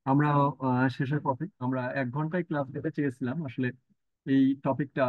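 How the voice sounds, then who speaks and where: A man's voice: mid-range voice, little pitch movement, brisk, no room sound. Male lecturer, bangladeshi accent, online class, tinny phone-like audio, dry sound, stop-start explaining. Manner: mixes English reading with Bengali explanation, many fillers. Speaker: university lecturer.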